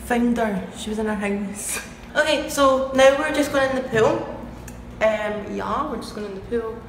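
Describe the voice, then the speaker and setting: A woman's voice: fairly high pitch, unhurried. A young adult woman chatting casually and informally to her vlog viewers, rambling and asking herself questions as she goes. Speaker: vlogger. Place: indoor rooms, echoing. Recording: echoey room with loud background noise.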